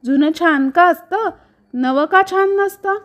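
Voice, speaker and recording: A woman voicing an inquisitive, chatty little girl with a high, eager, questioning voice. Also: takes it slowly, fairly bright tone, heavily acted. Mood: wondering.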